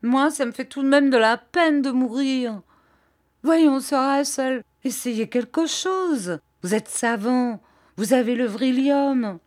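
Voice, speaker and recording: A woman's voice: sits high, takes it slowly, a little mellow, voice pushed up. A woman reading an audiobook, voicing a timid male detective who whines like a child. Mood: whining. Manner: whiny and pleading.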